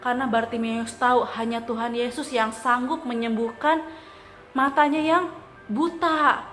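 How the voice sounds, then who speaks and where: Lady sunday school teacher, high voice, telling a kids story, echoey room, bit of music behind. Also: unhurried. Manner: animated, asks children questions. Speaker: children's church teacher. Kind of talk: storytelling to children.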